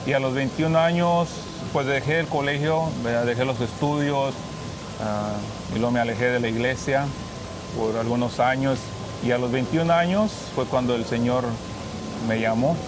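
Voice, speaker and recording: Brief: young Mexican priest as a guest, hesitant and restarting, mid-range voice, noisy background. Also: male voice, medium pitch. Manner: halting, many restarts and fillers. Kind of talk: interview guest, personal testimony.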